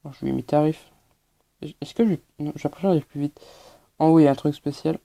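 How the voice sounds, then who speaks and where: A man's voice: fairly high pitch, fairly even intonation, brisk, gravelly, dark tone. A man giving hesitant, explanatory gameplay commentary as a channel host, with many fillers.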